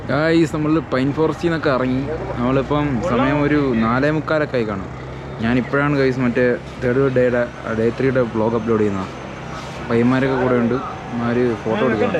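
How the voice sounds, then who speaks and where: A young Malayali man hosts a casual travel vlog in a mid-pitched voice. He blends Malayalam with English words and phrases as he addresses viewers. He is outdoors, with people audible around him. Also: muffled recording. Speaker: travel vlogger. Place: outdoors around a hill town and forest. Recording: outdoor street sound with background chatter.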